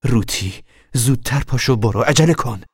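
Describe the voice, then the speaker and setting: A man voicing a steady, caring mother of a poor migrant family, speaking calmly, firmly and plainly. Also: mid-range voice, breathy edge, no room sound, studio quality, voice pushed up. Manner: calm, firm, plain-spoken.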